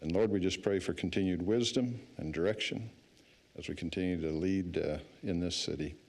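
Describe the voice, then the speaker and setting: Low-voiced councilman leading a prayer. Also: moderate pace, darkish tone. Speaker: city councilman. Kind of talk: prayer and pledge at a public meeting.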